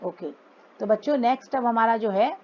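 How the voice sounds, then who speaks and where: A woman's voice: on the high side, normal speed, highs cut off. A woman teacher explaining grammar to schoolchildren, mixing Hindi and English and repeating words for them to memorize.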